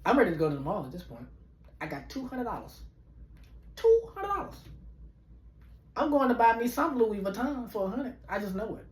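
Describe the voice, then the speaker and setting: A man in his late twenties tells a storytime on a podcast, swearing freely and acting out each person in the story. His pitch swings widely as he builds up the drama. The sound carries a roomy echo. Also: quick pace. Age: late 20s. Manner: animated, profane, acts out every character. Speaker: podcast host. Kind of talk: storytime monologue.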